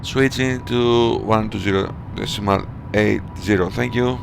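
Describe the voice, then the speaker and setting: A man flying a simulator as a pilot, speaking on a cockpit headset mic in clipped, rapid aviation phraseology with cockpit callouts and radio calls. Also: on the low side, vocal fry. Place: home flight simulator setup. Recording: steady background hum.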